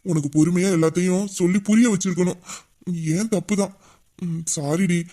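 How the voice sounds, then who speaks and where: A man's voice: high voice, fairly even intonation, moderate pace, dark tone, natural voice. A man voicing a young man in an audio drama who patiently comforts and reassures his tearful best friend. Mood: soothing. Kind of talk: emotional audio drama acting.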